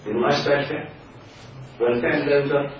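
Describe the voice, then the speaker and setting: A man's voice: medium pitch, fairly even intonation, racing. A man with an Egyptian accent teaching Arabic grammar in a classroom, constantly quizzing his students on whether they follow. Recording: very echoey room, mic far off, dull sound, faint hiss.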